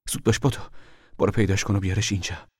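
A man voicing a weary, worried mother who speaks softly and often whispers, in an audiobook reading. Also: low-pitched, fairly even intonation, slightly rough, no room sound, studio quality. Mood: worried hush. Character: tired worried mother, gentle and firm. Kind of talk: audiobook character voice.

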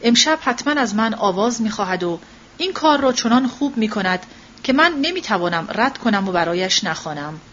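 A woman's voice: medium pitch, expressive, fairly bright tone, muffled recording, a little hiss or hum, natural voice. A woman reading an anxious, proud young mother. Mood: insistent. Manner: emotional, insistent.

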